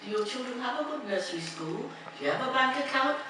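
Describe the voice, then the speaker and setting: An older woman from Ghana giving a lecture at a podium in a large hall, first chanting a poem in a slow, rhythmic way, then telling stories in a reflective tone. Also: a little high, lively intonation. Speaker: alumni speaker. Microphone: podium mic, recorded from a far camera. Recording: distant, very echoey hall recording with noise.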